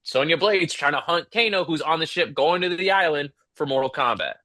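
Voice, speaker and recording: A man's voice: on the high side, lively intonation, fairly quick, bright, forceful tone, no room sound. A man co-hosting a podcast, talking bluntly in casual chat and swearing freely. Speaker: podcast co-host.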